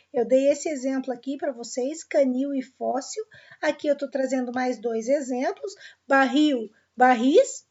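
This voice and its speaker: A woman's voice: high voice, darkish tone, highs cut off. A woman teacher with a Brazilian Portuguese accent gives a recorded grammar lesson, explaining patiently and often checking that her class is following. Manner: patient, checks in with "tranquilo?" and "pessoal".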